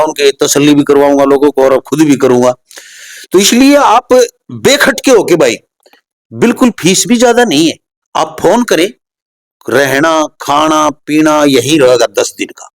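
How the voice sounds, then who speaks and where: A man hosting an on-location interview, talking excitedly and pitching straight to his viewers. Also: poor audio. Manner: excited, promotional, addresses viewers directly. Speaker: host. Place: at a residential training institute.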